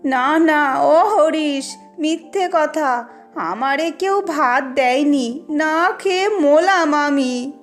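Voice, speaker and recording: A woman voicing a frail, nearly hundred-year-old grandfather in a storybook reading. He drags out his words slowly and whimpers like a child. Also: high voice. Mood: whimpering. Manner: slow, drawn-out, whimpering. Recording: faint music behind.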